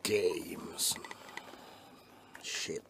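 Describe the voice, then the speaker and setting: A man playing a salty old fisherman in a soft-spoken ASMR roleplay, telling sea tales to kids in a breathy, rambling half-whisper with folksy gruffness. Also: low voice, steady tone, drawn-out words, noisy background, full character voice. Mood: folksy, teasing.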